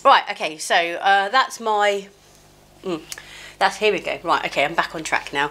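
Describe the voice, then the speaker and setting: With a cold leaving her slightly chesty, a middle-aged beauty vlogger chats through her makeup at home, rambling, scattered and self-mocking, with plenty of fillers. Her mid-range voice is bright and forceful at a moderate pace. The small mic clipped near her is occasionally covered, with slight background noise.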